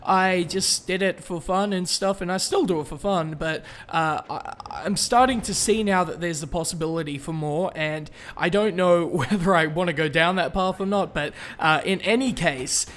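A man's voice: high-pitched, moderate pace, fairly bright tone. A young man from Australia hosting a casual gaming Q&A vlog, chatty and upbeat with lots of fillers and restarts. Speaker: gaming YouTuber answering viewer questions.

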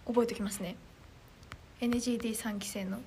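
Teen girl from Chiba, high voice, bubbly stream chatter, light background hiss. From Chiba, Japan. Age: teens. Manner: bubbly, quick, animated and self-deprecating. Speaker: idol trainee streamer. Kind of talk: casual livestream chat reading comments.

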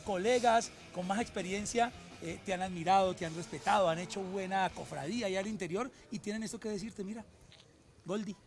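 A man's voice: sits high, a little fast, soft background music. A man hosting an entertainment show, teasing and chatty. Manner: animated, teasing. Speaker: TV entertainment host. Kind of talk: chatty TV host banter.

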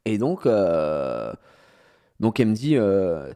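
A man telling a story casually to his viewers, in an animated, slangy way, often laughing at himself. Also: low-pitched, slow, clear, resonant tone. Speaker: streamer.

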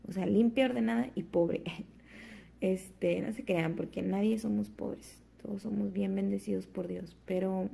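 A young woman fresh out of bed chats to the camera at home in a rambling, filler-heavy way. Her voice is strongly gravelly and husky, with a mellow, dark tone. She speaks in a flat, even melody. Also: medium pitch. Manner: rambling, chatty, many fillers. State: just woke up, fasting. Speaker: vlogger. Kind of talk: casual chat to camera.

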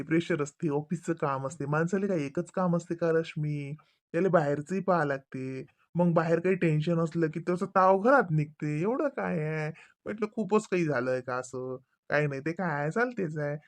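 A man's voice: on the high side, no room sound. A man speaking, playing a husband in a domestic comedy skit who brushes off his wife's worries in a soothing, dismissive way. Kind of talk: scripted domestic comedy dialogue.

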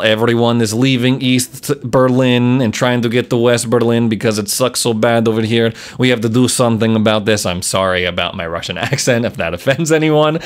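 A man's voice: fairly low pitch, fairly bright tone. A man hosting a casual explainer video, enthusiastic and chatty with offhand asides. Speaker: YouTuber.

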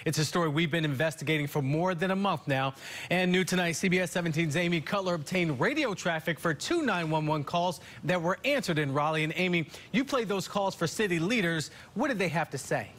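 A man's voice: on the high side, a little fast, fairly bright tone, a little hiss or hum. A middle-aged man anchoring the news from a TV studio, reading a scripted introduction on a lapel mic.

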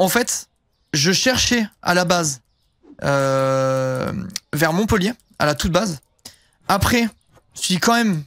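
A man's voice: sits high, fairly bright tone, clear, resonant tone, no room sound, clean studio sound. A young man streaming a game, chatting casually and rambling with lots of fillers and casual swearing. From southern France. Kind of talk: casual live-stream chat while gaming.

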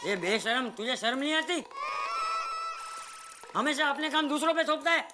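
A man's voice: very high voice, expressive, moderate pace, heavy background noise. A stern scolding old father. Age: older. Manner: scolding, indignant. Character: stern elderly father who scolds his son.

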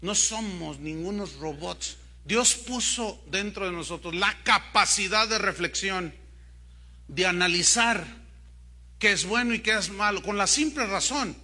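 A Mexican pastor with a Mexican Spanish accent preaching a sermon, swinging from loud questions to hushed asides. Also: male voice, high-pitched, a little slow.

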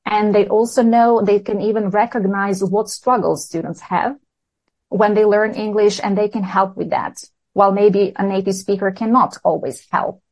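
A woman with a Serbian accent who is a language teacher. She speaks English as her second language and explains her ideas in an earnest, measured way. She sounds like a guest answering questions in a podcast interview. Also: mid-range voice, fairly even intonation, a little mellow, poor audio.

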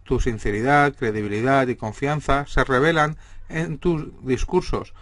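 A man with a Spanish accent, reading a list of tips aloud in a measured, steady way as the presenter for a real estate firm. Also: mid-range voice, no room sound. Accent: Spain. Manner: measured, steady delivery of numbered points.

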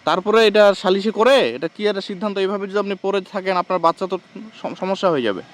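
A man's voice: high-pitched, rapid-fire. A man vlogging at a roadside, asking urgent repeated questions and explaining to the camera. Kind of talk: street vlog conversation. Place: roadside near a rail crossing outdoors.

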